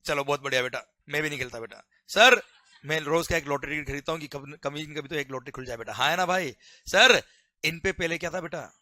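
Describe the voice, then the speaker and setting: Lively Indian tax lecturer, bright dry voice. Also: male voice, on the high side, fairly quick, no room sound. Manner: animated, jokey, mixing English terms; keeps asking "is it clear?". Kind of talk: classroom lecture.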